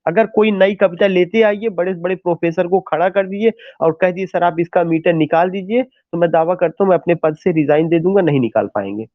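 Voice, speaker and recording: A man's voice: high-pitched, fairly quick, hardly any pauses, no room sound. A man teaching poetic metre as a lecturer, asking questions and answering them himself, with English terms mixed into his talk. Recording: dry, tinny phone-line sound.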